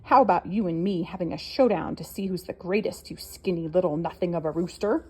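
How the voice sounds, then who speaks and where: A woman voicing a bad-tempered, jealous old male goose who scoffs and drops his voice to a low hiss. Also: brisk, dark tone, husky. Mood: scoffing.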